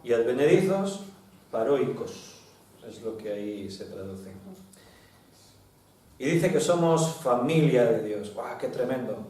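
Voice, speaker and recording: A man's voice: medium pitch, lively intonation, slow, pauses often, darkish tone. A man with a Spain Spanish accent, a pastor leading a Bible study and putting questions to the congregation. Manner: teaching, asks the congregation questions. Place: church hall. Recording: very echoey hall, distant mic.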